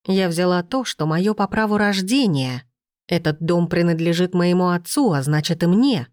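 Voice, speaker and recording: A woman's voice: on the low side, normal speed, darkish tone, no room sound, clean studio sound, lightly acted. A woman voicing a defiant young noblewoman who speaks in a firm, cold, steely tone.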